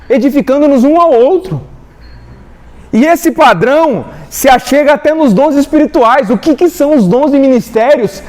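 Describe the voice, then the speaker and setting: A young Brazilian man delivers a sermon from the front of a church hall. His voice sits high, and he is a lively storyteller who plays every character in his anecdotes himself. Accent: Brazilian Portuguese. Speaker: preacher.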